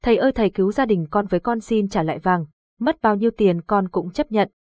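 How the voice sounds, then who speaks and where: A frantic, greedy middle-aged trader woman, played by a woman narrator, stammering and pleading in an audiobook ghost story. The delivery is close and dry, at an ordinary pitch. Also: a little fast, darkish tone, no room sound, close to an everyday voice.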